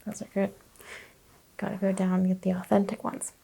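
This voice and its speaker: A woman whispering softly and calmly as a doctor in an ASMR roleplay exam, giving gentle clinical instructions close to the mic. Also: mid-range voice, a little fast, creaky, husky. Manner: soft, calm, clinical bedside whisper.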